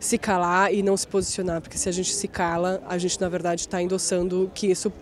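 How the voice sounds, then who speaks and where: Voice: medium pitch, level tone, fairly quick. A protester speaking earnestly in long run-on sentences in an outdoor street interview.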